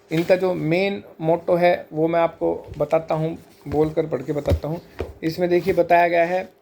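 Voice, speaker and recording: Man, fairly high voice, calm teacher explaining old scripture, lists terms slowly. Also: creaky. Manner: measured and explanatory, slowing to spell out sacred terms one by one.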